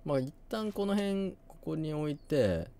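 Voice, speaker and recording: A man's voice: a little high, sing-song, unhurried, creaky, mellow, slight background noise. A young man giving casual game commentary, thinking aloud and often hesitating. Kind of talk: casual let's play commentary.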